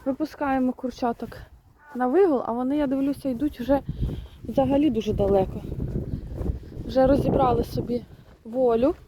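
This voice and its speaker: A woman's voice: sits high, fairly even intonation, moderate pace, long pauses, warm tone, slight background noise, poor audio. A young woman from Ukraine, filming a casual vlog as she walks around her yard outdoors, chatting to viewers and shooing her birds in a raised voice. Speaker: homestead vlogger. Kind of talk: casual vlog narration while walking the yard. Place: outdoors in a rural yard and garden. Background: geese and turkeys calling.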